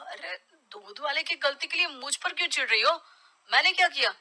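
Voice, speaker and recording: A woman's voice: high voice, expressive, moderate pace, pushed and bright, exaggerated voice, low-quality recording. A woman voicing a grown husband and father who grumbles and makes demands. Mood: grumbling.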